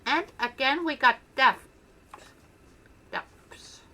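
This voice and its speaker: A gaming channel host, a woman who is a native Danish speaker with a Danish accent, chats casually and playfully while showing off her build in gameplay commentary. Her voice is high-pitched and sharp, and she speaks extremely slowly.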